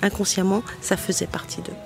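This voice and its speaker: A fashion school teacher describing their students in an interview, halting with many fillers and restarts. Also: medium pitch, little pitch movement, gravelly, soft background music. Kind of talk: interview answer.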